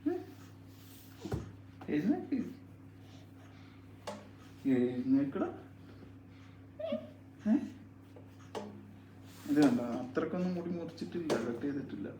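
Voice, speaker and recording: A father talking softly with his young child at home, coaxing and soothing with repeated gentle questions. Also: fairly high pitch, wildly swooping pitch, slow, long pauses, background noise. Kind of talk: casual home video chat with his child. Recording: roomy echo.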